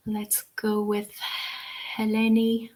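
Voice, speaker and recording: In this live webinar Q&A, an Irish woman in her forties answers questions during a teacher-training session, friendly and chatty with plenty of fillers. Her mid-range voice is monotone and dark, with drawn-out words, and the recording is rough.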